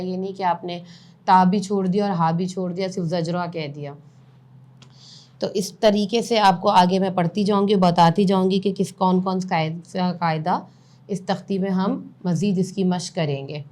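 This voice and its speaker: A woman's voice: on the low side, darkish tone. A woman teaching Quran reading step by step, patiently explaining rules and spelling out letters. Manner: patient, spells out letters and vowel marks slowly, recites in slow chant.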